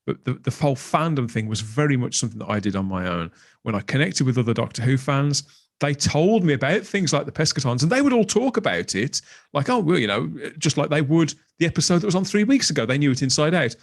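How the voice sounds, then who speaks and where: This middle-aged man, a graphic designer appearing as a podcast guest, chats casually with real enthusiasm, rambling as he reminisces. His voice sits on the high side, with lively intonation and a fast pace.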